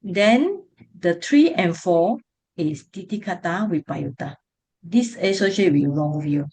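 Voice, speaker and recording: A woman teaching a class over a video call in a slightly low voice. She speaks Singlish, with a Singaporean or Malaysian accent and colloquial phrasing, explaining things and checking in with her students. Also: darkish tone, slightly rough. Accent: Singaporean or Malaysian English. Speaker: teacher leading an online Buddhist class.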